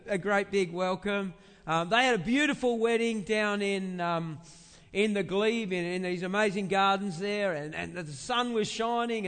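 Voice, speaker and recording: Sitting high with a fairly bright tone, a pastor's big voice carries his conversational sermon. He stresses points by haltingly repeating phrases and poses rhetorical questions, the large church space adding a reverberant hall sound.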